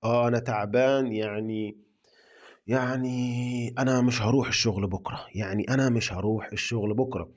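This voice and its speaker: Egyptian man teaching slowly, repeating himself. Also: on the low side, steady tone, muffled recording. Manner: repeats example sentences slowly for learners. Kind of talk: slow, repetitive language lesson.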